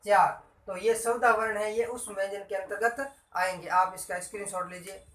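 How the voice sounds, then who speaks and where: A man's voice: high-pitched, fairly even intonation, moderate pace, a bit bright, far from the mic. Man teaching grammar in an echoey room. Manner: repetitive, quizzing listeners with questions. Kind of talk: classroom-style grammar lesson.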